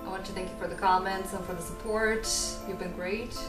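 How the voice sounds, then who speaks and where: A woman's voice: mid-range voice, steady tone, a little fast. A woman in her thirties casually narrating a home tour, chatty and self-mocking with frequent laughs. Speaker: craft vlogger. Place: living room, indoors. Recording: roomy, distant sound with music behind. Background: background music.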